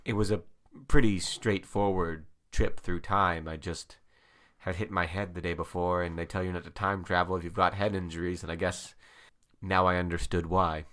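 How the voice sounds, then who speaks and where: A man co-hosting a comedy podcast, telling his part of an improvised story in a chatty, quick first-person way. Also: low voice, steady tone, a bit bright.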